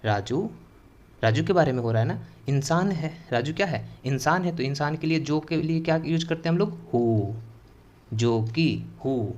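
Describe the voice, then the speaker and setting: A man teaching translation from Hindi to English, slowly repeating words, spelling them out and answering his own questions. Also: a little high, animated, a little mellow, dull audio, slight background noise. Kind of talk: bilingual translation lesson.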